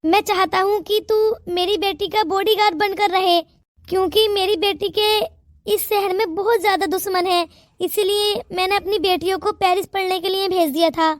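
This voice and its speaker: A woman's voice: extremely high pitch, fairly even intonation, moderate pace, no room sound, clean studio sound. A woman voicing a stern, wealthy older father in a cartoon, speaking in a commanding, fatherly way. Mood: earnest.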